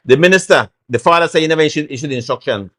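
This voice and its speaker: A man's voice: on the high side, racing, a bit bright. Emphatic Belizean man on a talk show. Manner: emphatic, repeats points, acts out quotes. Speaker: guest, former party chairman.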